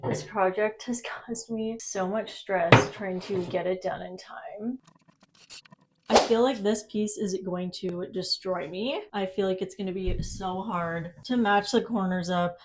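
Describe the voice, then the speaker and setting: Working on her bathroom, a young woman talks through the DIY job for her vlog, self-deprecating and a bit frazzled, filmed with her phone. She speaks at a measured pace in a medium pitch. The recording is very noisy, with bathroom echo and faint clicks.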